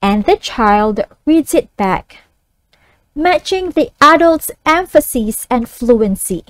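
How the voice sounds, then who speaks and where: A woman teacher narrating a scripted lesson and reading poems for young children in a deliberate, instructive way. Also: high-pitched, expressive, no echo, rough recording. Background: music.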